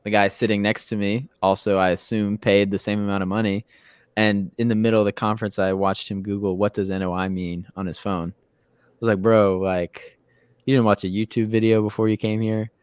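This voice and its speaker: A young host of twenty-two speaks in a lowish voice, with a dry, close sound and no room echo. His talk is loose and conversational. He repeats words and drops in "you know" and "bro.". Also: level tone, fairly quick, darkish tone, clean tone. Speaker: podcast host. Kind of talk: casual podcast interview.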